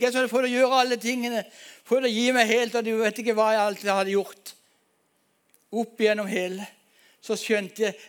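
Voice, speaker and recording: High-voiced man preaching a testimony. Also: fairly bright tone, clean tone. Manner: storytelling, emphatic, addresses congregation as folks. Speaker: pastor. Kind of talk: sermon testimony.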